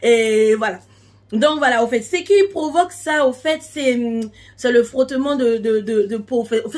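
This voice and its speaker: A woman speaking a language that is not her first, chatting casually to followers as a beauty tips vlogger, explaining things with emphatic repetition. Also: fairly high pitch. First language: not French.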